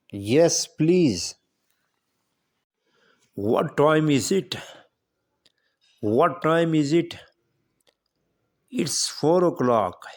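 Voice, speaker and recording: A man reading short question-and-answer practice dialogues for English learners, saying each line twice in a deliberate way. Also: medium pitch, darkish tone. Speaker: English teacher.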